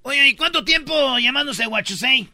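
Co-host, high-pitched voice, teasing questions, loud music behind. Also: lively intonation, normal speed. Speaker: radio co-host. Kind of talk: casual chat.

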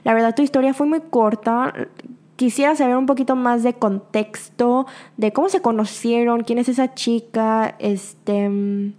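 Laughing frequently and acting out quotes, a young woman with a Mexican accent hosts a podcast, casually answering a listener's voice message. Her voice is a little high and her pace unhurried, but her delivery is animated.

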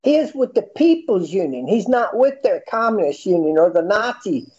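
A man in his fifties with an American accent and a high-pitched voice, arguing bluntly and swearing in a heated casual debate. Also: very animated, moderate pace, darkish tone, highs cut off. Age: 50s. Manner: argumentative, blunt, profane.

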